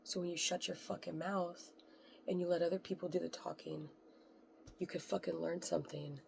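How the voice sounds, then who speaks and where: A woman giving a casual astrology reading, talking softly and rambling, with blunt, profane asides. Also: on the low side, level tone, moderate pace, gravelly, slight background noise. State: voice quiet today. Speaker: astrology reader. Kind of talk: casual tarot-style astrology talk.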